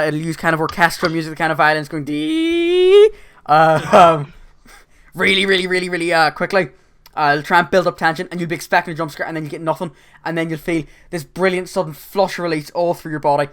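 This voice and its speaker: Energetic man with a sore voice. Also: fairly high pitch, fast talker. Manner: energetic, trips over repeated words. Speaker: podcast host. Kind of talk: casual gaming chat.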